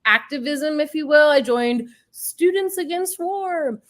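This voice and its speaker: High-voiced woman as a podcast guest. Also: expressive, measured pace, fairly bright tone. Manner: thoughtful, hesitant with fillers. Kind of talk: conversational interview.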